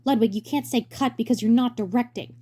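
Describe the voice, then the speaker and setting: Lady doing a pushy cartoon turtle director guy, super hammy and theatrical, pitched way up high. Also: fairly quick, mellow, a little hiss or hum, natural voice. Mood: exasperated, bossy. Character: grinning, pushy male turtle director of commercials. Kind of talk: dramatic reading of a cartoon fan story.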